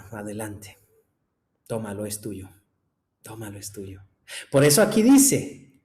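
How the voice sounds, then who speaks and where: Male pastor, mid-pitched voice, emphatic sermon delivery that swings between loud and hushed. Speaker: pastor teaching a discipleship class.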